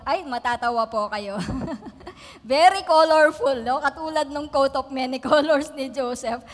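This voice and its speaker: A middle-aged woman from the Philippines preaches in a church hall, her high voice trailing a long reverb. She talks in a chatty, homely way, laughs often and keeps asking the congregation to agree. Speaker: pastor. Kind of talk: sermon with personal stories.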